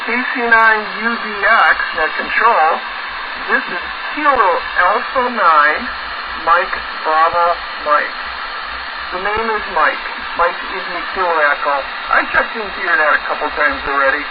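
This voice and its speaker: A ham radio operator checking into a net, speaking in plain, unhurried radio procedure with phonetic call signs, heard over AM radio full of static. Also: male voice, sits high, lively intonation. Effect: received over AM radio with heavy static. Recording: dull lo-fi radio with loud static.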